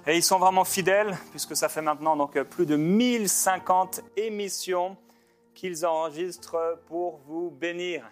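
Pastor guy talking to his viewers, fervent, lots of euh and restarts, faint music behind. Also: high-pitched. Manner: fervent, rambling, with many filler pauses and restarts. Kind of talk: informal ministry talk to viewers.

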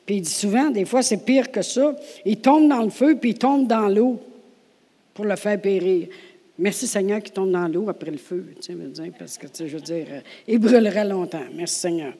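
A woman with a Québécois French accent preaches a sermon at normal speed in a medium-pitched voice, with a long reverb tail behind her. She tells the story with animation, laughs often, and swings from hushed asides to loud acted-out lines.

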